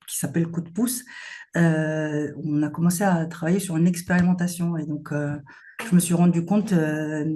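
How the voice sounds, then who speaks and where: A woman's voice: low-pitched, warm tone. A woman founder answering interview questions earnestly, with many hesitations. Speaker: company founder, guest.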